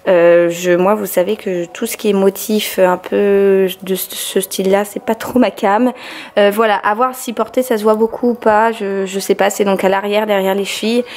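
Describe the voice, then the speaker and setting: A woman's voice: mid-range voice, steady tone, moderate pace, a little mellow, roomy sound. A young woman in her twenties talking casually to camera in her home, chatty, with many fillers and restarts. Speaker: vlogger. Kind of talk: casual vlog chat to camera.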